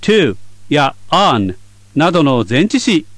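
Male radio teacher, clear explanatory delivery, high animated voice, dry booth sound. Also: slow, no room sound. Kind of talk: scripted lesson narration.

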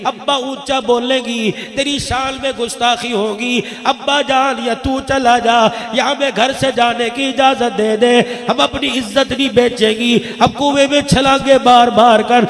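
A male preacher voicing weeping, defiant young daughters who plead loudly and drawn out, in an echoey hall. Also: on the high side, fairly even intonation, a little slow, hardly any pauses. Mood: tearful defiant.

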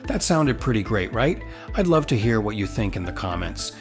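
Over background music, a tutorial host reads scripted narration with enthusiastic, promotional energy. His fairly low voice swings widely in pitch, and he speaks at a normal pace.

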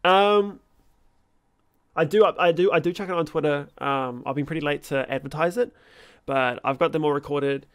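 A man, chatting informally and haltingly about games as a streamer, swearing casually. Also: fairly high pitch, smooth, no room sound. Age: 20s. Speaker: streamer and host of a gaming series. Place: small room at home. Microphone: close desk microphone.

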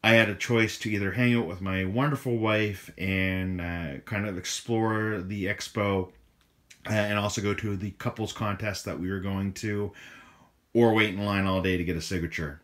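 A man speaks in a slightly hoarse, somewhat low voice, as if he has partly lost it. He rambles comfortably through a casual vlog rundown, with frequent "um"s and "uh"s between thoughts. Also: moderate pace. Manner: relaxed, many fillers like um and uh. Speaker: toy collector vlogger.

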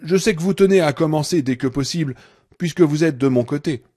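A man's voice: fairly high pitch, normal speed, a little mellow, natural voice. A male reader voicing a sarcastic, menacing woman nurse who holds a man captive in an audiobook. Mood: mock-sweet sarcasm. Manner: sarcastic, seething, sudden rage.

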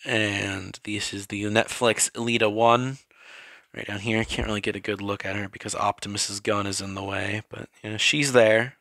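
A man's voice: lowish voice, fairly even intonation, moderate pace, sharp tone, no echo. A man casually walking through his toy collection, rambling, correcting himself and getting worked up in short rants.

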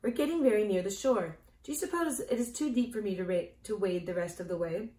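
In a roomy, echoey recording, a woman reads a storybook, voicing an earnest, curious young farm girl with a raised, wide-eyed tone. Her voice is mellow and medium-pitched, fairly quick, and only lightly acted.

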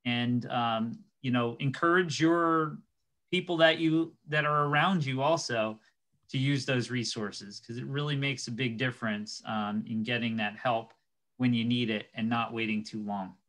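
A man's voice: medium pitch, steady tone, measured pace, fairly bright tone. A man, a school counselor, giving earnest advice to students over a laptop microphone on a video call. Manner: earnest, advising. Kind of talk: casual panel talk.

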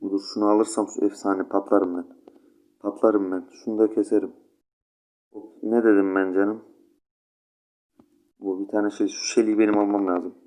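Young man, low voice, sleepy, stuffy nose, rambling gameplay commentary. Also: little pitch movement, moderate pace, long pauses, warm tone, rough recording. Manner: chatty, rambling, keeps addressing viewers. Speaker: gaming channel host.

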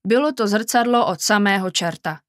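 A woman's voice: medium pitch, no room sound, clean studio sound, close to an everyday voice. A woman voicing a curious, eager young boy in a storybook reading, raising her voice to sound childlike. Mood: reassuring.

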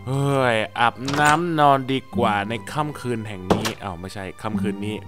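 A man's voice: lowish voice, lively intonation, normal speed. A man voicing his cartoon's main character, chatting and joking with himself. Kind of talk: comic dubbed cartoon narration. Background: background music.

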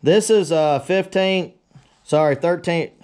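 Taking it slowly, a man with a fairly high, darkish, clear, and resonant voice talks viewers through his blacksmithing work in plain, folksy terms. The unscripted tutorial is recorded in a cluttered forge where power tools and clatter make it noisy.

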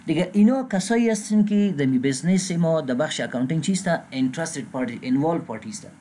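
An accounting instructor with an Afghan Dari accent gives a recorded lecture, slowly reading English terms aloud. His voice is on the high side, mellow, with lively intonation, and he often pauses with filler sounds and restarts.

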